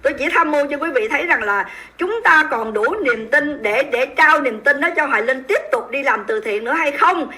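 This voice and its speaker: A woman's voice: high-pitched, moderate pace, few pauses, sharp tone. A woman with a Southern Vietnamese accent hosting a livestream, commenting in an emphatic, indignant and mocking way and speaking straight to her viewers. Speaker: livestream host.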